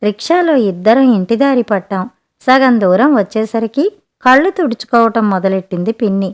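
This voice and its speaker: A woman narrating a written short story in a gentle, expressive audiobook manner. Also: fairly high pitch, moderate pace.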